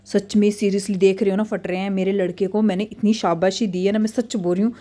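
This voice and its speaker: A woman in her thirties, a mother narrating a family vlog in a chatty, excitable way. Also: medium pitch, a little fast.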